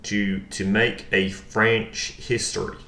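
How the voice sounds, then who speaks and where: A man playing a deadpan conspiracy crank. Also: lowish voice, gravelly, full character voice. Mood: stubborn deadpan. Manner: slow, formal, flatly insistent. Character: deadpan male conspiracy theorist denying France exists. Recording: roomy echo, faint background noise.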